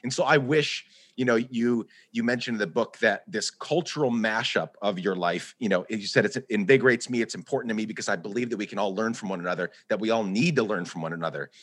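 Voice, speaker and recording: A man's voice: fairly low pitch, fast, hardly any pauses, fairly bright tone. A man hosting a conversational interview, who grew up in Guatemala, talking earnestly in long run-on thoughts. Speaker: host.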